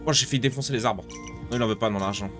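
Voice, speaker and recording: A man giving casual let's-play commentary, excitable, swearing and pleading loudly with game characters. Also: on the low side, rapid-fire. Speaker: gaming YouTuber. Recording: game music playing behind the voice.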